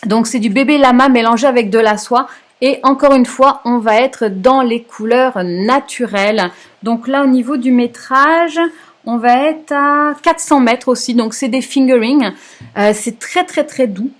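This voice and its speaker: A woman's voice: on the high side, a little slow. A middle-aged woman, hosting a yarn shop's live stream in a chatty way, full of hesitations and self-corrections while she answers viewer comments. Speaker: yarn shop host.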